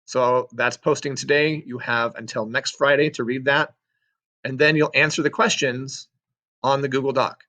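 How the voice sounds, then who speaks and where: A man's voice: mid-range voice, steady tone, normal speed, sharp tone. A middle-aged man teaching sixth-grade social studies, talking through a screen-recorded class walkthrough in a chatty way with joking asides, ums and self-corrections.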